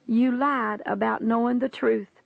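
Solemn, sorrowful Jesus read by a woman, pronouncing judgment in slow, weighty sentences. The voice has a gravelly edge. The recording is dry and muffled. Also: on the high side, steady tone, no room sound. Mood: solemn reproach.

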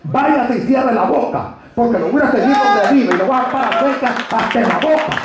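A man's voice: extremely high pitch, animated, brisk, a loud crowd, very noisy. A man preaching a sermon as pastor, speaking with emphasis and calling out to the congregation. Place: church hall. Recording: very echoey church hall.

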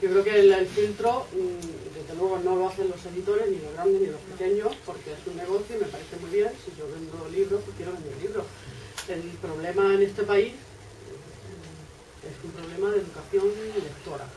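A woman's voice: fairly low pitch, moderate pace, dark tone. A woman on a bookshop author panel, opinionated and posing rhetorical questions. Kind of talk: casual panel discussion. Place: bookshop café, seated at a table. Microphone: far camera. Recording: echoey room, distant mic, noise.

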